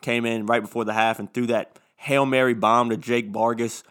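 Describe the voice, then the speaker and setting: A man's voice: medium pitch, level tone, normal speed, a bit bright, smooth. A man in his twenties with a lisp from new braces, hosting a casual solo sports podcast. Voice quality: lisp from new dental braces, like wearing a retainer.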